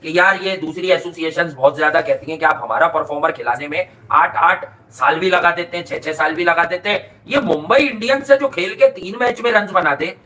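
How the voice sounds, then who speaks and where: A man in casual cricket talk, blunt and exclaiming. His voice is high and sharp-edged. He speaks as a pundit. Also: a little fast, few pauses.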